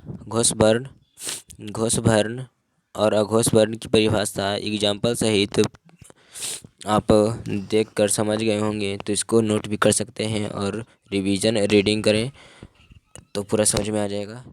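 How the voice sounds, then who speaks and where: Male teacher, grammar lesson, slow dictation pace, low-ish voice, repeats lines, dry close sound. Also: little pitch movement, no echo. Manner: repeats each phrase as if for dictation.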